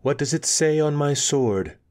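A man's voice: fairly high pitch, animated, measured pace, darkish tone, pitched above the performer's own voice. Guy doing a cool young swordswoman, clipped and proud, voice lifted a little above his own. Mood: cool defiance.

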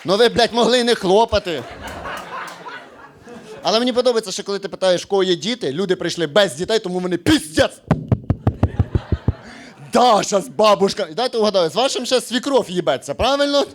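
A man's voice: high voice, expressive, brisk, long pauses, a little hiss or hum. A young man performing stand-up on a club stage, brash and profane, teasing the crowd. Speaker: stand-up comedian. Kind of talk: stand-up routine with crowd work.

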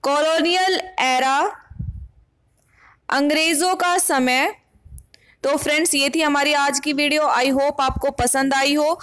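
A high-pitched woman teaches vocabulary in an unhurried, careful voice. She pronounces each word clearly, one after another. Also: fairly even intonation, a bit bright, rough recording. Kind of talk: slow, clear vocabulary lesson.

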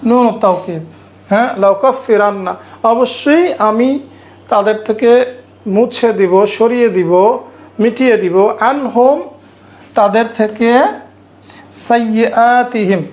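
A woman teaching an Arabic grammar class, reciting verses slowly and explaining them step by step while quizzing her students. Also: fairly high pitch, darkish tone. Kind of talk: online class lecture.

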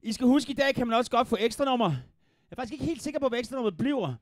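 High-voiced Jutlandic man joking between songs. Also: animated, no room sound, studio quality. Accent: Jutlandic Danish. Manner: rambling, playful, swears freely. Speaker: livestream concert host and musician.

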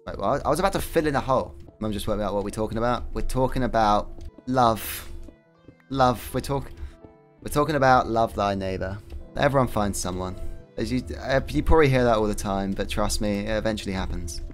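Young streamer, loose rambling chat, faint music underneath. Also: male voice, lowish voice, fairly quick. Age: young adult. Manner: rambling, swears casually, laughs often. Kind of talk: casual gaming stream chat.

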